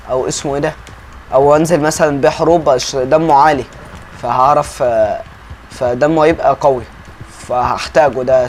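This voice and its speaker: A man's voice: fairly high pitch, slight background noise. A young man with an Egyptian accent chatting through gameplay commentary, calling out to his viewers all the time. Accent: Egyptian Arabic. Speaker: gaming YouTuber.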